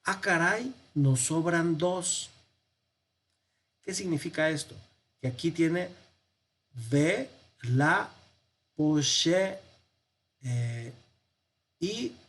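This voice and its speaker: Priest for a Bible-study lecture: husky, measured and explanatory, walks listeners through the text. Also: male voice, on the high side. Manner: explanatory, poses rhetorical questions and answers them; walks through a text on screen, counting and pointing.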